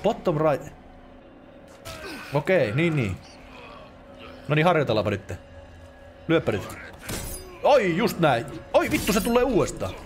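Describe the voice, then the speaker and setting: A man from Finland talking through a game in casual let's play commentary. His lively voice jumps up and down as he swears and yelps at the action, with faint game music underneath. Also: a little high. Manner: excitable, swears a lot, yelps and laughs at the game.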